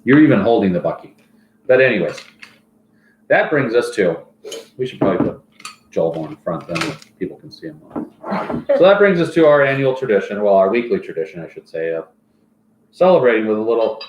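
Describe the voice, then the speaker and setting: A man's voice: lowish voice, sing-song, fairly quick, highs cut off, slight background noise. Man reading a joky fantasy league report. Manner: jokey, recites stats and mock sponsor plugs. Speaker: fantasy football league commissioner. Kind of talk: casual report with banter. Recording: roomy echoey room.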